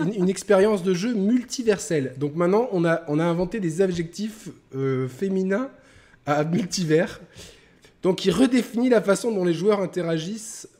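A man hosting a casual gaming chat show, joking around and repeating himself as he restarts sentences. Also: mellow. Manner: joking, mock-reads a sarcastic pitch. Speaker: podcast host.

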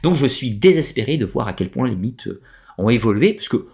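A man's voice: mid-range voice, very animated, fairly quick, gravelly, darkish tone. A man hosting a live stream, explaining at length and answering viewers' chat comments, often hesitating and restarting his sentences. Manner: digressive explainer with frequent hesitations.

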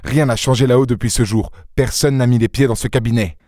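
Brief: male reader doing a composed, faintly dogmatic gentleman detective in an audiobook, mid-range voice, dry studio sound. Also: medium pitch, brisk, no room sound, natural voice. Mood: insistent. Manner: calm, assured, slightly lecturing. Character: calm, self-assured gentleman sleuth, dogmatic.

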